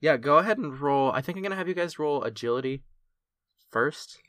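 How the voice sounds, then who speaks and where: A man's voice: on the high side, fairly quick, no room sound. Dry-voiced man running a tabletop game. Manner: relaxed, matter-of-fact narration with dice results. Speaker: game master.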